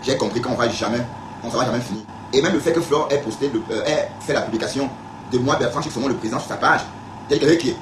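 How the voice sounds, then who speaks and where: A man's voice: medium pitch, fast, background noise. A man from Cameroon blogging on a live stream, talking casually and emphatically to viewers and repeating his points. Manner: emphatic, repetitive, addresses viewers directly. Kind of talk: casual live-stream talk replying to comments. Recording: echoey room, faint background ambience.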